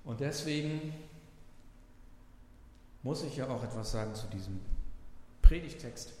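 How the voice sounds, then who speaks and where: A man preaching a sermon as pastor, earnest, slowing down to stress scripture he reads aloud. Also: medium pitch, a little mellow, a little hiss or hum. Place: church. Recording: echoey church hall with faint ambience.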